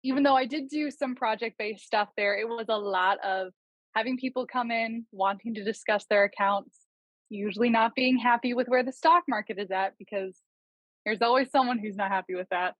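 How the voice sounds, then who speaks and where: A woman's voice: fairly high pitch, moderate pace, fairly bright tone, dry recording, dull audio. A woman in her twenties, chatty and self-deprecating, talking casually on a podcast. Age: 20s. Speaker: project manager.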